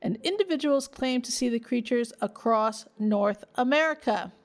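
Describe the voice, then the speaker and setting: A woman's voice: fairly high pitch, moderate pace. A woman co-hosting a podcast in a casual, chatty style. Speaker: podcast co-host. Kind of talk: casual chat, partly reading out facts.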